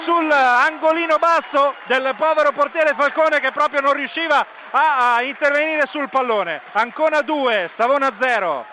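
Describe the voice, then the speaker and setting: A man giving breathless, excited live football goal commentary with drawn-out shouts, as a play-by-play commentator. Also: very high-pitched. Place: outdoor stadium stand. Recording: outdoor stadium commentary with background noise. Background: stadium ambience noise.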